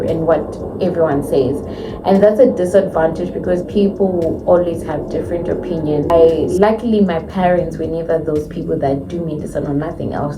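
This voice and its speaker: A woman in her twenties from Zimbabwe, a dental student telling her own story to the camera in a chatty, candid, expressive way. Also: fairly low pitch. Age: 20s. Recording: distant mic with clear background noise.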